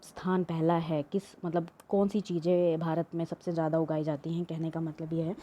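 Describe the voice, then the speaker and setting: Low, flat-voiced woman teaching. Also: moderate pace. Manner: explains in a talky way with many fillers and restarts. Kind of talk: exam-prep lesson reading questions aloud.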